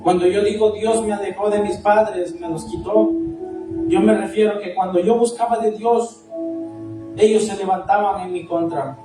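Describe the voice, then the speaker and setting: A man preaching a testimony sermon as an evangelist, impassioned and repetitive, building up to shouts. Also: sits high, steady tone, normal speed. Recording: echoey far-off hall with music. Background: music.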